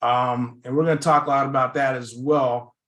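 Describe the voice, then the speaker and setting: A man's voice: mid-range voice, fairly even intonation, normal speed, a bit bright. A man hosting an interview podcast, rambling and effusive, often exclaiming as he introduces and questions his guest. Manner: effusive, rambling, repeats "oh my gosh". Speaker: podcast host. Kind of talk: interview host. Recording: roomy echo.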